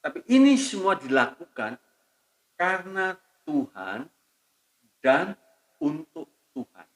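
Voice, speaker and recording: High-voiced man preaching a sermon. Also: big pitch swings, slow pace, poor audio. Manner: emphatic preaching, often drops to soft asides, swells loud on key lines; addresses the congregation as saudaraku and calls out hallelujah. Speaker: pastor.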